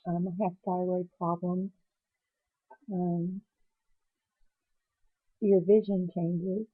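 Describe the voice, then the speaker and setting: A woman's voice: lowish voice, level tone, very slow, husky, narrow, tinny audio. A woman speaking hesitantly in a personal video diary, teary and emotional as if after crying, searching for her words. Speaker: patient vlogger.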